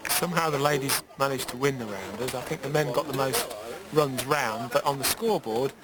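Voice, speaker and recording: A man's voice: medium pitch, a little fast. A man chatting casually and wryly as an interviewee. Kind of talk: casual chat. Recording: very noisy outdoor recording.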